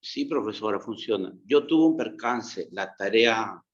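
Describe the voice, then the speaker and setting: A man's voice: fairly low pitch, lively intonation, unhurried. A man speaking casually and politely as a student in an online class, over a lo-fi call. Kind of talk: casual, polite question to a teacher.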